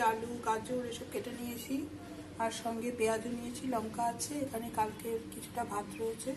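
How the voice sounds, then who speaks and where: A woman's voice: a little high, background noise. Homely woman chatting while cooking. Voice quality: chatty, homely, explains each step. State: sore throat. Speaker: vlogger. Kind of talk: casual cooking vlog narration. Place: home kitchen.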